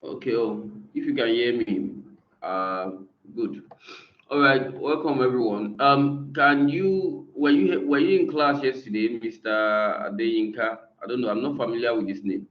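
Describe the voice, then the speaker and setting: A man's voice: mid-range voice, a little slow. A man teaching an online class, talking hesitantly with many fillers, heard through a screen-recorded video call. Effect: screen-recorded video call audio. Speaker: instructor. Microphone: computer mic on a video call. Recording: dull, echoey video-call audio.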